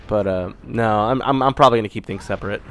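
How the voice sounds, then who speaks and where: This young gaming channel host talks fast in a lowish, slightly bright voice while getting over a cold. His casual channel update wanders, with many fillers and restarts.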